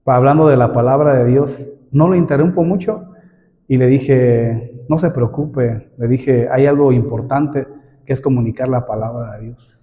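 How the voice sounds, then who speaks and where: A man's voice: medium pitch, normal speed, dark tone. A middle-aged man preaching a sermon, calling listeners "brother" and asking many rhetorical questions. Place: church hall. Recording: long hall reverb.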